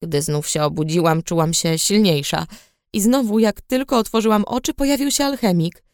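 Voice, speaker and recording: A woman reading a novel aloud in first person, in a subdued, low-key storytelling manner. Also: moderate pace, dry recording, clean studio sound. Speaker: audiobook reader. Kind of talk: first-person scripted narration.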